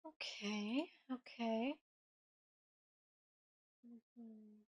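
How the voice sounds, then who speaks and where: A woman's voice: a little high, steady tone, extremely slow, a little mellow, slightly rough, dry recording. A woman streamer chatting wryly as she plays a video game and talks back to its characters. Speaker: gaming streamer. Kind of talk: casual gameplay commentary.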